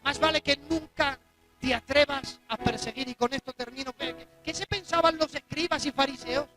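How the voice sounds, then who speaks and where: A preacher delivers a dramatic sermon in a church, his voice pitched high. He punches some lines out at full force and drops others to a near-hush. Music plays clearly behind him. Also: moderate pace. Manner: emphatic, dramatic, swings between loud exclamations and hushed asides.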